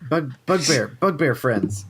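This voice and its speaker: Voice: mid-range voice, expressive, unhurried, breathy edge. A player in a tabletop role-playing game, talking casually while proposing moves to the group.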